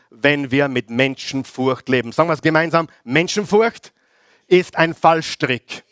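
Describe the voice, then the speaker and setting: A middle-aged Austrian man preaching in a lively way and calling the congregation to read aloud with him. His voice sits fairly high for a man. It is recorded close and dry, with no room echo. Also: clean tone. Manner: lively, leads the congregation in call-and-response readings. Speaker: pastor. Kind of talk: sermon.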